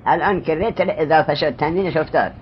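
Reading Arabic text slowly before glossing it, a man with a slightly high voice teaches Arabic grammar in Persian. He breaks each line down step by step and frequently pauses to quiz his student, and the lo-fi recording sounds dull with a faint hiss behind him.

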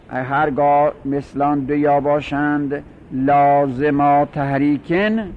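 Male teacher, grammar class, explains and quizzes students, faint noise behind. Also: on the high side. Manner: explaining and repeating terms, asking students questions. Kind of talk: Arabic grammar lesson. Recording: dull lo-fi recording.

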